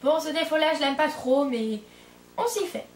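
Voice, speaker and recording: A woman's voice: high-pitched, moderate pace, a little hiss or hum. A young woman in her twenties from France chatting casually in a vlog, rambling with lots of fillers and self-corrections. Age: 20s. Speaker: au pair vlogger. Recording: roomy echo, distant from the mic.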